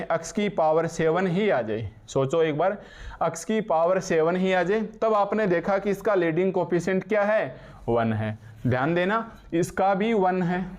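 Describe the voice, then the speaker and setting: A man teaching maths in a classroom lecture, dictating definitions slowly and quizzing his students. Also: sits high. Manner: explains in Hindi with English terms, slow dictation, asks students questions.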